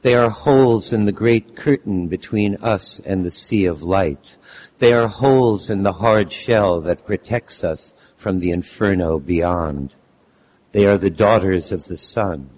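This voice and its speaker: A man with a lost, hoarse voice introducing and reading his text at a live poetry event, halting with many fillers. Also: low-pitched, darkish tone. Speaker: poet reading his work.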